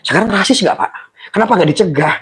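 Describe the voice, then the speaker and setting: A man with a Javanese accent, a religious tolerance activist making an impassioned appeal, pleading and often shouting. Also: sits high, expressive, fast. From Java, Indonesia. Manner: pleading, frequently shouting, emotional.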